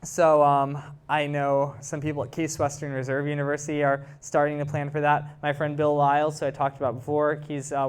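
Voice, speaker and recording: A man with a mid-range, clear and resonant voice answers questions from the audience as a guest researcher. The setting is an informal scientific Q&A following his talk, where he explains things casually and thinks out loud.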